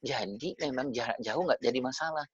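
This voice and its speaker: A man's voice: medium pitch, brisk, slightly rough, dry recording. A man giving a religious parenting talk over a video call, chatty, turning to his listeners with tag questions as he goes. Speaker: parenting speaker. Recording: dull lo-fi video call audio.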